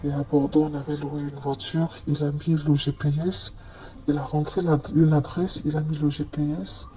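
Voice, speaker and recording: A man's voice: on the high side, little pitch movement, normal speed, husky, dull audio. A man telling a first-person story in a hesitant way, with many fillers and restarts. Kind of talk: first-person testimony narration.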